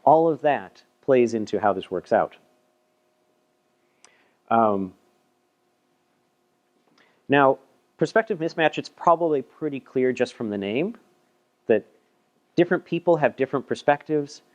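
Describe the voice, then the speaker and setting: A man's voice: medium pitch, expressive, measured pace, long pauses, dull audio. A man giving a casual, chatty technical talk at a meetup, presenting a paper with self-deprecating asides and frequent repeated words. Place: meetup room.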